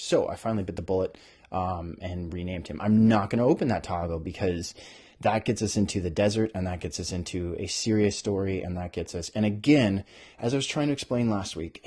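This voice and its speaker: A man talking casually as an author hosting a podcast, animated and often interrupting himself as he thinks aloud. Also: sits low. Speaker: author hosting a podcast about their own book. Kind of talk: casual rambling talk with bits read aloud.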